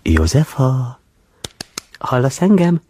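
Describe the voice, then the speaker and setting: An actor playing a panicky theater director who shouts and pleads by turns. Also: male voice, medium pitch, big pitch swings, slight background noise, lightly acted. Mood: coaxing. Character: frantic middle-aged male theater director.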